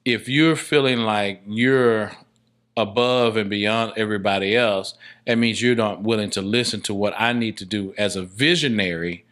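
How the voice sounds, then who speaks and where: A filmmaker and stage play director appears as a guest on a podcast, chatting casually and frequently repeating words while working through his thoughts. His voice is fairly low and a bit bright, at normal speed.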